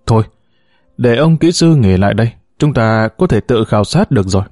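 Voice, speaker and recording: A man's voice: medium pitch, expressive, fairly quick, darkish tone, no room sound, clean studio sound, close to an everyday voice. A man reading as a reserved old foreigner. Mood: calm.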